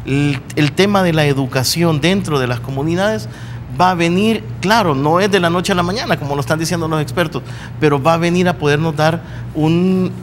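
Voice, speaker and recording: A man's voice: fairly high pitch, a little fast, a little hiss or hum. A Salvadoran man, a university dean, speaking earnestly as a guest on a TV interview and building to emphatic, passionate declarations. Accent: Salvadoran Spanish.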